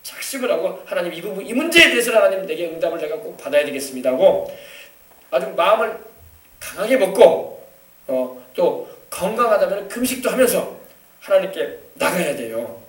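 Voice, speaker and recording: A high-pitched man delivers a sermon with forceful emphasis, now and then shouting out lines in other people's voices. His voice carries through a reverberant sanctuary and is picked up from some distance away from the mic. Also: sing-song, fairly quick. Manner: emphatic preaching, rising to shouts, acting out quoted voices. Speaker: pastor. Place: church sanctuary. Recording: echoey church, voice from a distance.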